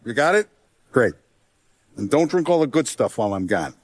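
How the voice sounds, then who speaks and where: An actor voicing a hardened middle-aged mafia don in a video game, deliberate and authoritative, with streetwise gangster talk. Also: male voice, mid-range voice, sing-song. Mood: businesslike, scheming. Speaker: crime boss in a video game. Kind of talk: video game character acting.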